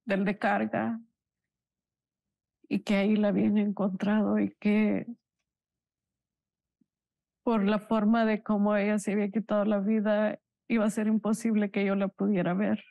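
A woman giving an emotional, halting personal testimony in an interview, earnest and religious. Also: mid-range voice, level tone, vocal fry, no room sound, dull audio. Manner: emotional, slow, halting storytelling. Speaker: interview guest, bereaved mother.

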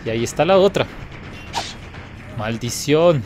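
A man giving playful, taunting live commentary while playing a game, now and then breaking into excited laughter. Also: medium pitch, unhurried, soft background music. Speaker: gaming video host.

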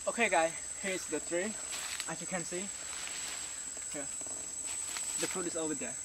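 A young man from Cambodia with a Khmer accent, speaking simple, halting English as he hosts a casual foraging vlog outdoors. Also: on the high side. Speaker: vlogger. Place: outdoors in a forest. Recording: loud insect noise outdoors. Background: insects and forest ambience.

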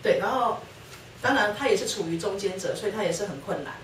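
A woman's voice: medium pitch, fast. Woman, telling her story in an echoey hall. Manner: storytelling, acting out quoted dialogue. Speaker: guest speaker sharing her testimony with her husband. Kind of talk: personal testimony talk at a church lecture. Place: church lecture hall. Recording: roomy hall, distant mic, faint noise.

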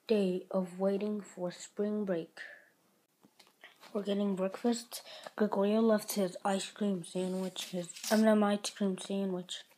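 A woman's voice: mid-range voice, warm tone, slight background noise, low-quality recording. A woman chatting casually in a home vlog, talking while she eats breakfast. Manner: chatty, talks while eating. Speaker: vlogger.

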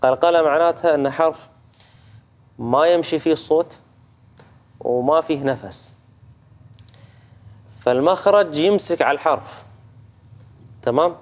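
A Quran recitation judge with a Gulf Arabic accent gives a reciter patient tajweed feedback on recitation rules, demonstrating sounds and checking in often. His voice is on the high side, with a moderate pace and long pauses.

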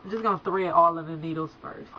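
In a small room beside a folding screen, a young woman with a slight cold talks viewers through a hair tutorial, chatting casually and calling them "guys." Her voice is lowish and she talks fast. The sound is dull and lo-fi, with background noise and music behind.

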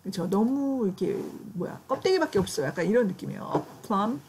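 A Korean woman teaching English vocabulary in a classroom, brisk and checking in with her students often. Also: mid-range voice, lively intonation, darkish tone, slight background noise.

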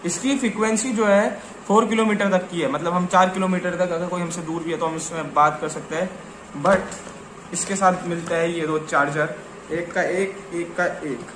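A young adult vlogger with a high voice chats casually to camera in slangy Hindi mixed with English, often repeating himself. His tone is steady and his pace moderate. He starts in a small living room and later moves outdoors to open ground, with roomy echo and clear background noise.

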